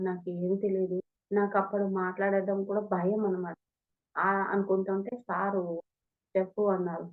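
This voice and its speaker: Woman sharing her meditation stories, earnest, acts out the dialogue, sounds like a phone line. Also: mid-range voice. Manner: earnest storytelling, acting out quoted dialogue. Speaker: meditation teacher sharing experiences. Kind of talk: testimonial talk.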